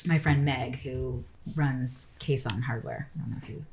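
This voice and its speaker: Low-voiced chatty woman architect. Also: normal speed, a crowd in the background. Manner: chatty, rambling, full of "like" and "you know". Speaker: architect guest. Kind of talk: casual interview chat.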